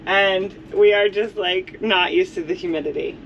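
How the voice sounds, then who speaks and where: A woman in her thirties chats brightly about the road trip, laughing easily. She talks into a camera held at arm's length, and steady road and engine noise runs underneath. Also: medium pitch, dull audio. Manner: upbeat, chatty, quick to laugh. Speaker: vlogger. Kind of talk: casual travel vlog chat. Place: inside a motorhome and outdoors in a truck-filled parking lot at night. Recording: noisy road and parking lot background.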